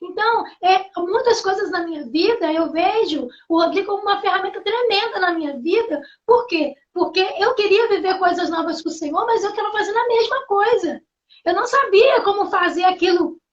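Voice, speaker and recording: A woman hosting a faith livestream, sharing a personal testimony in an earnest, halting way with many restarts. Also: very high-pitched, expressive. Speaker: host. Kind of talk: live testimony. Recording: muffled lo-fi livestream audio.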